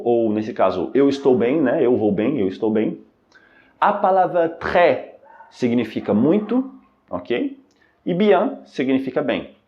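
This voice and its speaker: A man teaches an online lesson at a deliberately slow, unhurried pace, spelling out each point and repeating it. He checks in with "ok?" after nearly every sentence, and his voice comes through a dull, lo-fi recording. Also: medium pitch. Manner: patient, repeats phrases slowly and checks with "ok?". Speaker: language teacher.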